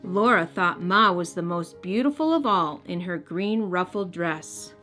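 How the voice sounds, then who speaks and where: With a fairly low, bright and forceful voice, a woman hosts a children's read-aloud at a measured pace, reading the storybook expressively and addressing young listeners directly. Music plays in the background.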